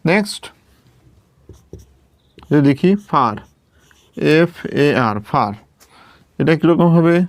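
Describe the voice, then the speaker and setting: A man's voice: on the high side, animated, slow pace, long pauses, no room sound. A man teaching English pronunciation, patiently spelling out each sound step by step and checking that his students follow. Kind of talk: slow step-by-step lesson at a writing board.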